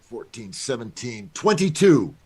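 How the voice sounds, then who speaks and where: A man plays his character at a tabletop game with a middle-pitched voice, patiently spelling out rules and dice bonuses for the group. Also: big pitch swings, a little slow, darkish tone, husky. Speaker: player. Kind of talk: casual tabletop play.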